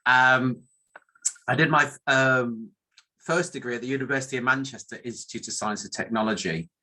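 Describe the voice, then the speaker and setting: A middle-aged statistician from northern England, speaking with a northern English accent, gives an informal career talk that meanders, pokes fun at himself and keeps restarting sentences. His voice is medium in pitch, moderately paced, bright and forceful, and the recording quality is low.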